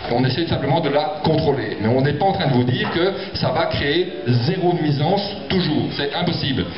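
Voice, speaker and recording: A man's voice: a little high, a little fast, music in the background. A man speaking as a developer at a public meeting, explaining himself with many stammered repetitions. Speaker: property developer presenting a project. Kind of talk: spontaneous argument at a public meeting. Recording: echoey, muffled hall with audience noise.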